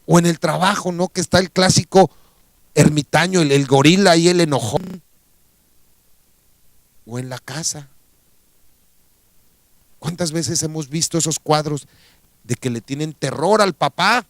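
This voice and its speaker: A man's voice: fairly high pitch, a little slow, long pauses, no echo. A man with a Mexican accent preaching a radio sermon, telling a story and asking rhetorical questions of his listeners.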